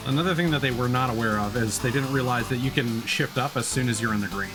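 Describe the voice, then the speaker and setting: Speaking fast in a mid-range voice, this gaming livestreamer muses out loud with informal, self-mocking humor. Music plays behind him, and he's using a headset microphone.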